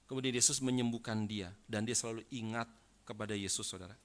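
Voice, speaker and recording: A man's voice: lowish voice, steady tone, fast. A man with an Indonesian accent preaching a sermon as a pastor, driving his points home with repeated questions to the congregation. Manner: emphatic preaching, often addressing the congregation as "saudara" and asking questions. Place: church.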